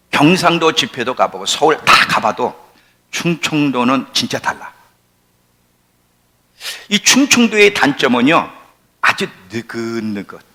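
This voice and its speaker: A man in his sixties preaching a sermon as pastor, emphatic, swinging from near-shouts down to low, quiet asides. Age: 60s.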